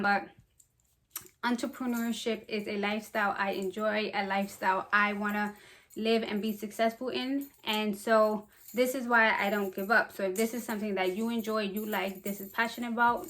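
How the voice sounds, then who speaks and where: A young woman who runs a small business, talking casually to camera in an upbeat, fast, slightly breathless way. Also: on the high side, a bit bright. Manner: chatty and upbeat, talks fast. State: a bit out of breath. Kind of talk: casual vlog talk to camera.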